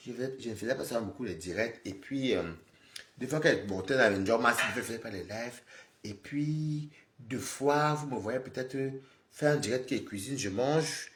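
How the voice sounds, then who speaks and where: A man live streaming, scolding and lecturing his viewers in an animated, repetitive rant. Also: mid-range voice, normal speed, roomy sound. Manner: scolding, animated, repeats himself, talks straight to viewers.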